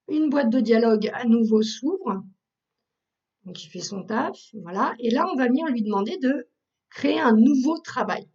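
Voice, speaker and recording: A Google Workspace trainer, a woman with a fairly high pitch, records a screen tutorial explaining a software task step by step with frequent fillers. The mic sits far away and the recording sounds muffled.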